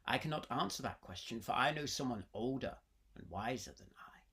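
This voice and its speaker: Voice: medium pitch, animated, normal speed, sharp tone. A storyteller voicing a wise, grey-bearded old Irish sage who humbly defers to elders in an oral legend. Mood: humble, solemn.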